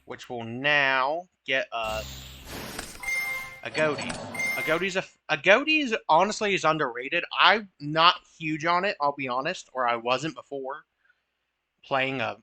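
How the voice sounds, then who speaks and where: A young man with a medium-pitched, pushed, bright voice gives unhurried, casual commentary over his own card game matches. Chatty and self-deprecating, he jokes about his misplays and swears occasionally.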